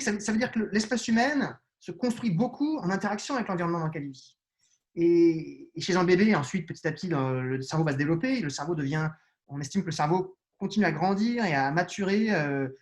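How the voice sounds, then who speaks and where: A man with children answering interview questions on neuroscience, explaining patiently with frequent restarts and hesitations. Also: high voice. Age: adult with children. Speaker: neuroscience guest.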